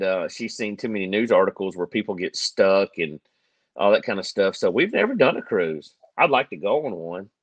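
A man's voice: lowish voice, a bit bright, no echo. A man co-hosting a podcast, rambling and joking in casual chat, often laughing as he talks. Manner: rambling, jokey, laughs easily. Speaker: podcast co-host.

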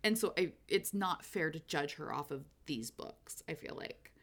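Female podcast co-host, lower-pitched, chatty and animated, casual book talk. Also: normal speed. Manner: chatty, animated, laughs often.

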